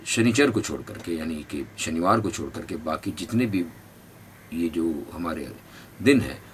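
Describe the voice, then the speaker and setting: In a classroom or institute, a man with a North Indian accent gives a spoken English lesson, drilling pronunciation by repeating each word for learners to copy. His voice is low-pitched, and there is a little hiss or hum.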